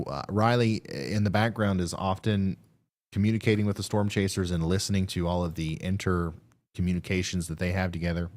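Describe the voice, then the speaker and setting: Low-pitched man giving live weather commentary. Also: darkish tone. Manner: halting, thinking aloud while reading radar. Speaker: live weather stream host.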